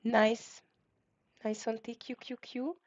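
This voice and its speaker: Speaking slowly in a higher-pitched voice with little variation in pitch, this Hungarian-accented woman runs a live trading stream. She delivers market commentary by firing off stock tickers in short, clipped bursts peppered with fillers, all captured in muffled, low-fidelity stream audio.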